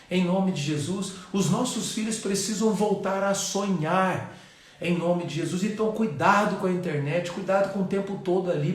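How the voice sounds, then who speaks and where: A man's voice: high voice, a little mellow. A Brazilian Portuguese-accented man preaching a sermon as a pastor, earnest and repeating his phrases. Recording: very echoey room.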